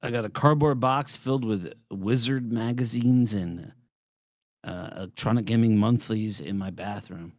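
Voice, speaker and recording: A man's voice: fairly low pitch, moderate pace, a little mellow, no echo, studio quality. A man in his forties, trading blunt, profane jokes in a casual live-stream chat. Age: 40s. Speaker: streamer co-host.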